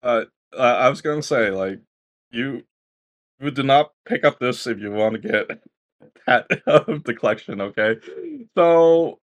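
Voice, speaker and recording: A man co-hosting a casual video game chat, animated, who acts out game dialogue in high mocking voices and laughs often. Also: a little slow, long pauses. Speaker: podcast co-host reviewing games.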